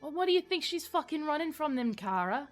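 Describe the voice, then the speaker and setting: A woman with a fairly high voice plays a tabletop roleplaying game. Her talk is casual and blunt, thick with swearing. Music plays behind her. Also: big pitch swings, a little fast. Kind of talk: casual in-character game chat.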